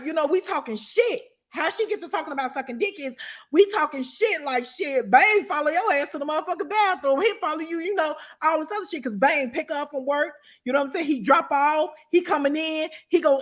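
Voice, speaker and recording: A woman telling a story in a loose, profane way, laughing often and asking "you know what I'm saying.". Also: sits high. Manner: profane, animated, frequent laughter. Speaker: guest storyteller. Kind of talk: casual storytelling.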